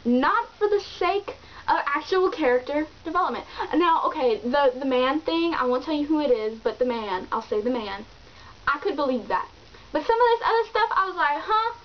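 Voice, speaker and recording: High-voiced animated woman book vlogger. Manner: animated, exclamatory and chatty, with many fillers. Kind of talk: casual book review chat. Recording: dull lo-fi recording with faint hiss.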